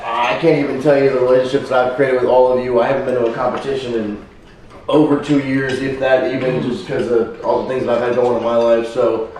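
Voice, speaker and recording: A man in his twenties from Florida talks fast, humble and rambling at a roundtable. He sits off the mic in a very echoey room, with faint clattering dishes behind him. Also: mid-range voice, little pitch movement, a little mellow, slight background noise. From Florida, United States. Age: 20s. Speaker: kendama player. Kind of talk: casual roundtable chat. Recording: roomy, distant, dish clatter behind.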